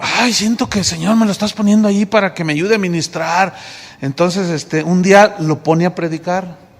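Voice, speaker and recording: Lively Mexican pastor in an echoing hall. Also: male voice, sits high. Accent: Mexican Spanish. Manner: lively storytelling, acting out dialogue. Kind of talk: sermon. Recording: long reverb of a church hall.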